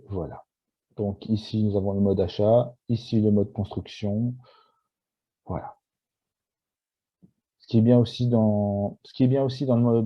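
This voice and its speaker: A shy, nervous man talking through a video game on screen, with many fillers and restarts. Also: lowish voice. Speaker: gameplay video maker. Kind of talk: casual game walkthrough. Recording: dull lo-fi sound.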